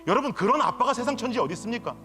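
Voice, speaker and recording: Lively high-voiced pastor in echoing church. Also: male voice, rapid-fire. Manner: storytelling, acts out his daughter's and others' voices, rises to emotional pleading. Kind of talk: sermon. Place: church sanctuary. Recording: reverberant sanctuary with faint guitar.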